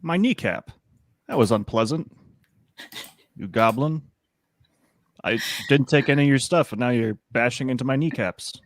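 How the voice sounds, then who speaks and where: A man's voice: medium pitch, moderate pace, long pauses, no echo, clean studio sound. A man playing a tabletop game in character, talking in a hesitant, mild way with many fillers. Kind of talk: in-character play.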